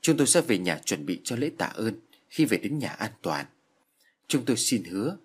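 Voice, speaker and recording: A man's voice: lowish voice, big pitch swings, moderate pace, breathy edge. A man voicing a frightened, polite village boy who pleads earnestly. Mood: pleading.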